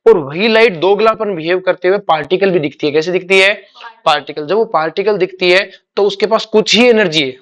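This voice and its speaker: High-pitched and a bit bright, this male chemistry teacher lectures his class using everyday, homely examples. He addresses students as "beta", fires off quick check questions and keeps asking them to repeat the key words.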